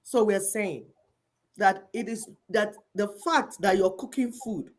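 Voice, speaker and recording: With a medium-pitched voice and a slightly slow pace, a middle-aged Igbo woman from Nigeria delivers impassioned commentary in her Nigerian accent. Her cadence is emphatic, repetitive and preacher-like.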